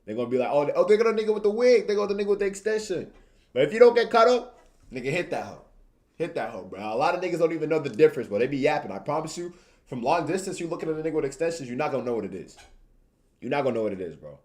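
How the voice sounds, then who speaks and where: A young Tanzanian streamer and video creator chats casually on a livestream, using informal slang and repeating phrases for emphasis. His fairly high voice is sing-song and darkish in tone, and he talks at a racing pace.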